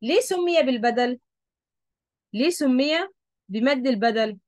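At normal speed, a woman with a high-pitched, animated, somewhat dark voice and an Egyptian Arabic accent teaches at a board, with no room sound. She patiently explains a rule of Quran recitation, going over key points again and making sure her students understand.

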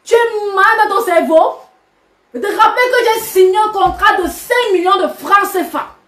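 Woman, very high voice, combative scolding rant to followers, echoey room. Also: moderate pace, a bit bright, a little hiss or hum. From Cameroon. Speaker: social media personality addressing subscribers. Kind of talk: live video rant. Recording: roomy echo.

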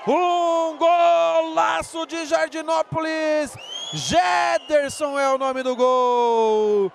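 A man with a Brazilian accent giving explosive live futsal goal commentary, shouting his goal calls and stretching out the words. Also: extremely high pitch, fairly even intonation, drawn-out words, vocal fry, a faint crowd. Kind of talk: live play-by-play sports commentary. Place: indoor futsal gym. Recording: noisy sports hall ambience.

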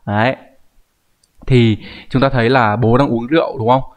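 A man's voice: medium pitch, steady tone, normal speed. Patient male teacher. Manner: explains patiently, often checks in with the viewer. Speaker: Japanese language teacher. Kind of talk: online grammar lesson.

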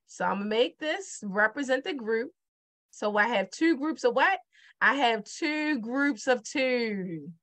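Speaking a little slowly, with lively intonation and a voice on the high side that's a bit bright, a middle-aged woman teaches multiplication. She has a Baltimore accent, works on a digital whiteboard, and keeps it casual and chatty, repeating her questions to whoever's watching.

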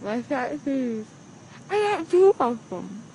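Teen girl, high-pitched and slow, slurred bloody-mouth speech around gauze, groggy and tearful. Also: very animated, creaky, dark tone. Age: teenager, fourteen. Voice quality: muffled, slurred speech through a mouth packed with gauze after tooth surgery. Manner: groggy, childlike, tearful insistence. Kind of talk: casual chat. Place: outdoors, then inside a car. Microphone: phone held close. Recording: faint noise, handheld phone recording.

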